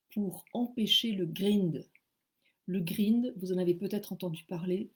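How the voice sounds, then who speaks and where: A French woman telling a personal story in a casual, animated way, often stammering and poking fun at herself. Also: mid-range voice, husky. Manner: animated, stammering, self-mocking. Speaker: author telling her story.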